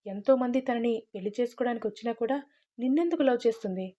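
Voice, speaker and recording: A furious young man berates his friend in a loud, scolding voice, as a woman acts him out, pitched somewhat high for a man. The storybook recording sounds slightly muffled and lo-fi. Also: quick pace, natural voice. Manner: shouting, scolding. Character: angry young man, protective loyal friend.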